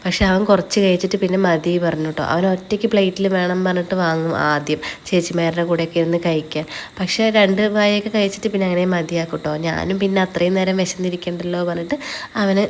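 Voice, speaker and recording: A woman's voice: on the low side, steady tone, quick pace, slight background noise. A woman, a mother, narrating her home vlog in a chatty, teasing voice-over, a little nasal from a night-time cold. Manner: chatty, teasing, tags lines with "kētto". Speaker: vlogger, mother.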